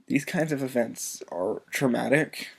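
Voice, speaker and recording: Male vlogger, quiet and earnest, halting delivery, on the edge of tears, plain mid-pitch voice. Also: creaky, husky. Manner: soft-spoken. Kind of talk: emotional personal video message.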